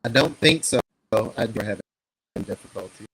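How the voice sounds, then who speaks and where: A man's voice: fairly low pitch, animated, normal speed, a bit bright, breathy edge, low-quality recording. A man speaking as a guest on a live show over a remote computer voice call that keeps breaking up. He talks in a laid-back, familiar way. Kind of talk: casual chat.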